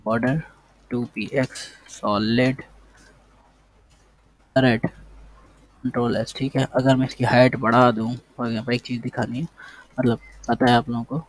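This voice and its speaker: Flat-voiced man thinking aloud while coding. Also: mid-range voice, a little slow, long pauses. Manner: thinks aloud while typing, repeats words, talks to the code. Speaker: coding tutor. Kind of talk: casual screen-share coding lesson.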